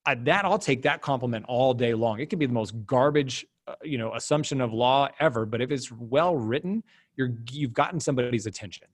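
A man speaking as a podcast guest, emphatic and animated, his pitch jumping up when he drives a point home. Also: brisk, no echo, clean studio sound. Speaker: guest, business development director. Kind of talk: casual podcast interview.

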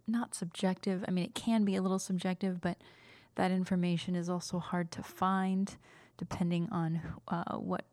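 A woman's voice: on the low side, darkish tone. A woman hosting a podcast solo, talking casually and explaining things informally in an echoey kitchen. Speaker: podcast host. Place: at a kitchen counter indoors. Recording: echoey untreated room.

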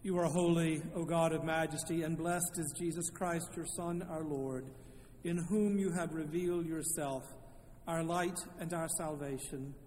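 A man leading communion liturgy as a minister, reciting a solemn prayer in a formal, measured way, with a cathedral-like echo. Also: on the high side, steady tone, a little mellow. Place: large reverberant church sanctuary. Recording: cathedral-like long echo, background noise.

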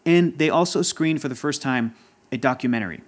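A man's voice: medium pitch, brisk. A man in casual chat as a podcast guest, talking in a passionate, rambling and emotional way. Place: Los Angeles area.

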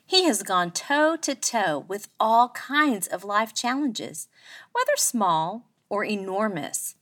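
A woman podcast host giving a scripted narration with an upbeat, expressive delivery. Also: medium pitch, slow. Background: soft guitar music.

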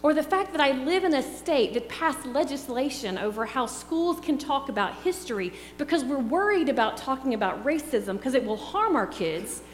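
A woman's voice: high-pitched, expressive. A middle-aged woman preaching a sermon in an earnest, reflective way. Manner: slow, earnest, reflective delivery. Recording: echoey hall with faint hum.

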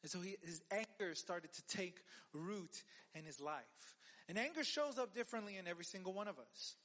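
Male youth pastor, high voice, lively sermon delivery with acted-out quotes. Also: moderate pace. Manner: animated, acts out the quotes.

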